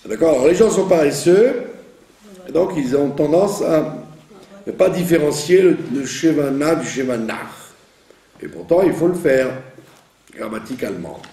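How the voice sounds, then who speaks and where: Man teaching, lively voice, echoey room. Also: fairly high pitch, normal speed, distant mic, slight background noise. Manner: explains patiently, repeats words, checks understanding. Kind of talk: teaching Hebrew prayer reading.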